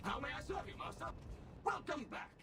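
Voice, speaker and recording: An actor voicing an overly smooth, cheerful male robot tour guide in a video game, with a polished, sales-pitch delivery. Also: sing-song, fairly quick, noisy background, exaggerated voice. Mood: polite welcoming. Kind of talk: video game character dialogue.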